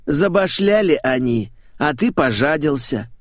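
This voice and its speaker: A man voicing a loud, flamboyant man who dresses like a parrot, brash and slangy, in an audiobook. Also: fairly high pitch, animated, no echo, clean studio sound, voice pushed up. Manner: brash, slangy, drawn-out exclamations. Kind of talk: audiobook character voice.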